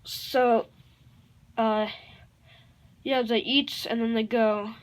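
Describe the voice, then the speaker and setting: A woman improvising a fan-fiction story aloud, rambling and halting, with many fillers and self-corrections. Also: on the high side, steady tone.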